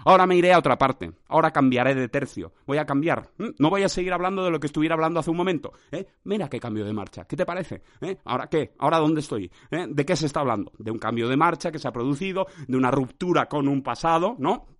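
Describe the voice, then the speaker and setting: A man with a somewhat high voice rambles through an improvised monologue for his own podcast. He talks to himself with theatrical, self-mocking outbursts, keeps swinging between loud and soft, and sometimes shouts nonsense sounds. He records standing up. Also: lively intonation, fast talker, hardly any pauses. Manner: wildly shifting loudness and pitch, shouting nonsense sounds. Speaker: podcast host.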